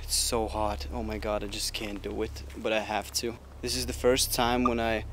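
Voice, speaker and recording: A young adult male vlogger walks through the woods holding a camera at arm's length, talking casually in a fairly low, flat voice. He sounds uneasy and halting and swears along the way, and the handheld outdoor recording is noisy.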